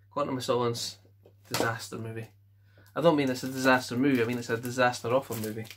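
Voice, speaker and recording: A Scottish man casually going through his film collection at home, giving offhand quick verdicts and chuckling to himself. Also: mid-range voice, a bit bright, a little hiss or hum. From Scotland. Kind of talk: casual chat.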